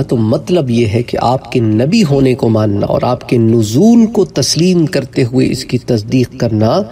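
A man with a Pakistani Urdu accent delivers an earnest religious lecture, pressing hard on his points. His voice is husky and a little breathy. He sounds set back from the microphone. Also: warm tone, far from the mic. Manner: earnest, emphatic preaching, rising in pitch when stressing points. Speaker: Islamic preacher.

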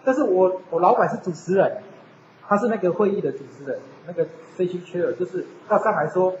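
A man teaching a university class, chatty and animated, often asking his students rhetorical questions. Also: sits high, a little fast, a little hiss or hum. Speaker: university lecturer. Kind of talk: classroom lecture. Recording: echoey lecture hall, dull lo-fi sound.

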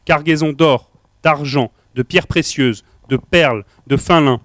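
A man reading a passage of scripture aloud in a steady, measured way. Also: on the high side, no echo, clean studio sound. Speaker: scripture reader.

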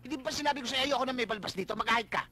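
A man playing a blustering male police chief in a slapstick comedy, shouting insults at his men. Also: very high-pitched, rapid-fire, slight background noise, heavily acted.

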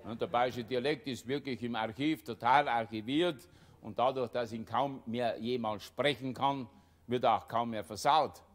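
A man's voice: mid-range voice, normal speed, slight background noise. An older man with a Bavarian accent doing a satirical stage monologue, rambling and breaking himself off, tagging nearly every line with a little question. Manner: rambling, self-interrupting, tags lines with "ne?" and "gell?". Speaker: cabaret performer. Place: live stage before an audience.

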